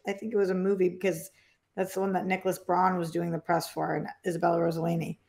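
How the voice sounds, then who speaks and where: A woman co-hosts a casual movie podcast, chatting enthusiastically and rambling through her opinions, sometimes trailing off mid-thought. Her voice is lowish, level, quick, creaky, and darkish.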